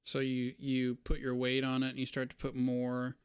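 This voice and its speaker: Clear-voiced male game master, dry sound. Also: medium pitch, completely flat delivery, normal speed, dry recording. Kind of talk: narrating a tabletop role-playing game, conversational.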